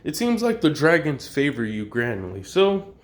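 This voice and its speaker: A man's voice: fairly high pitch, very animated, measured pace, slight background noise. A man voicing a casual female deity who grants wishes in a breezy, matter-of-fact way.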